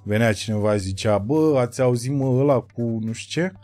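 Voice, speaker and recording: A man speaking in relaxed podcast banter, trading short jokes with friends. Soft music sits faintly behind him. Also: medium pitch. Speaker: podcast co-host. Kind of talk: casual chat.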